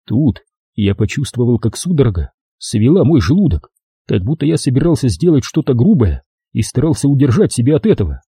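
A male audiobook narrator reads a first-person detective story with a very dark, mellow tone and a husky grain. His delivery is measured yet lively in pitch. The recording is dry and close. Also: no room sound.

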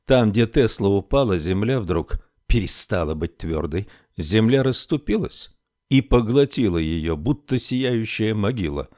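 Male narrator, low voice, measured reading, dry close sound. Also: expressive, a little mellow, no room sound. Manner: measured storytelling. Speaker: audiobook narrator. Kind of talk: scripted narration.

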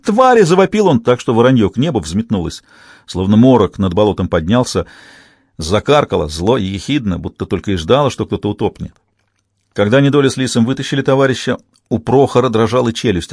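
A man narrating an audiobook in an expressive storytelling manner. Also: lowish voice, breathy edge, no echo, clean studio sound. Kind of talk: scripted narration.

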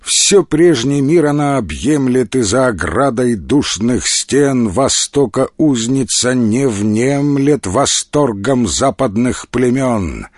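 A man voicing a drunken, sardonic young gentleman who mocks in a flat, drawling tone. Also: mid-range voice, moderate pace, breathy edge, dry recording, studio quality. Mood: mocking. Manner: ironic, mocking, drawling.

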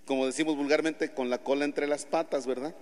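A priest with a Mexican Spanish accent preaching a homily in a church, telling stories with lively acted-out scenes. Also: male voice, a little high, a little fast. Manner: animated storytelling, acts out scenes. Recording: long church reverb.

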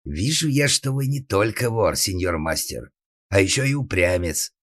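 A man voicing a suspicious, blustering male organ grinder who shouts accusations in an audiobook. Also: low voice, big pitch swings, moderate pace, no room sound, clean studio sound, pitched above the performer's own voice, full character voice. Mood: angry. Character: drunken, suspicious, bullying middle-aged male organ grinder. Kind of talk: audiobook character acting.

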